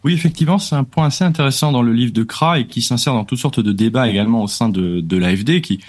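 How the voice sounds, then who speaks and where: A man's voice: medium pitch, fast talker. A man taking part as a guest in a radio discussion, explaining at length with fillers and restarts. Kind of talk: radio talk-show discussion. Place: radio studio.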